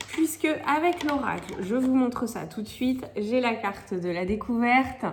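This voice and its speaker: Woman with a slightly cracked, higher-pitched voice. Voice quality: slightly cracked, cold-affected voice. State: has a lingering head cold. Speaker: tarot reader hosting monthly horoscope videos. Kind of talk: casual chatty card-reading commentary. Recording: clearly noisy recording with clicks.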